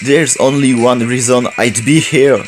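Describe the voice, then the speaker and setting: Fierce masked warrior lady, french guy reading her in his own voice, slow careful english. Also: mid-range voice, fairly even intonation, music in the background, lightly acted. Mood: stern.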